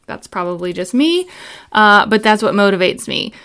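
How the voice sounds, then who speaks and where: A woman's voice: medium pitch, lively intonation, moderate pace, creaky, a bit bright, smooth. A woman in her thirties hosting an instructional solo podcast, talking through advice in an upbeat, orderly, step-by-step way. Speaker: podcast host giving planning advice.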